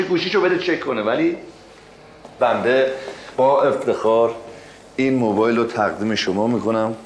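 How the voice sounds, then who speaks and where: An actor playing a pushy young suitor over hiss. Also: male voice, lowish voice, natural voice. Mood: scornful. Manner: bold, insistent, lecturing. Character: cocky young male suitor, pushy and preachy. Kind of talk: comic screen acting. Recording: noisy background hiss.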